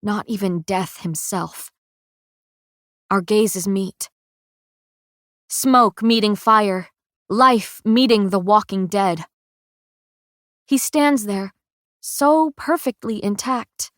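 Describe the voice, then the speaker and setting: A woman narrating a first-person audiobook in a slow, measured, emotional reading on a close studio mic. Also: medium pitch, a bit bright, dry recording.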